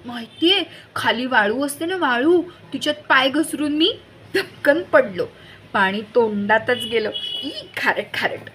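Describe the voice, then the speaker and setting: A woman's voice: high-pitched, lively intonation, unhurried, a bit bright, a little hiss or hum. A woman reading a storybook, voicing a little boy who tells his grandfather about the sea in an eager, breathless way. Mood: excited. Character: small excited boy telling of seaside.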